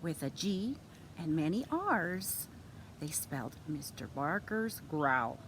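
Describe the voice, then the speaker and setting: A woman reading a children's story aloud expressively, with deliberate, teacherly phrasing. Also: sing-song. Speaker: storytime reader. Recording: clear background noise, vehicle rumble. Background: background noise.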